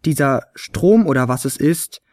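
A man voicing a blunt, grumpy little female talking flute in a storybook reading, snappy and gruff. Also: medium pitch, lively intonation, measured pace, a little mellow, no room sound, studio quality, lightly acted. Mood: grumbling. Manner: snappy and gruff, then worried.

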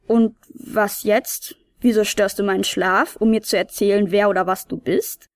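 A woman's voice: medium pitch, fairly even intonation, normal speed, no echo, lightly acted. A woman voicing a small, drowsy boy flute player who asks puzzled, curious questions. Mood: sleepy, grumpy.

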